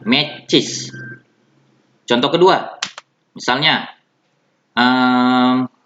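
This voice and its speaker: A man with an Indonesian accent teaching an English lesson, speaking slowly and repeating each example word for his students. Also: fairly high pitch, sharp tone. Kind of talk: recorded classroom lesson. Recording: dull, roomy lo-fi recording.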